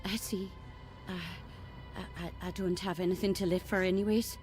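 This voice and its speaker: A woman playing a grieving, resigned old tribeswoman in a video game, with an elderly, breathy, halting delivery. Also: medium pitch, little pitch movement, a little mellow, faint music behind, lightly acted. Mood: grieving resignation.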